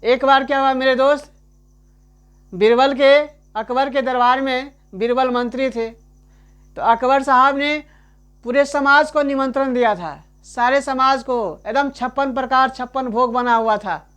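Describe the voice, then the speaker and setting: A man teaching a grammar lesson in a chatty way, keeps asking "right?", calls the listener his friend, and repeats example sentences slowly. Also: extremely high pitch, fairly even intonation, a bit bright, clean tone.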